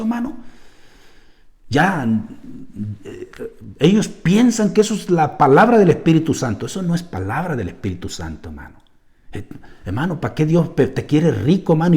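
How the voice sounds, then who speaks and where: Male pastor, church sermon, lively pitch swings, warm tone, dips quiet for emphasis. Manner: emphatic, keeps addressing listeners as "hermano"; drops to a low, quiet voice for stress, then rises.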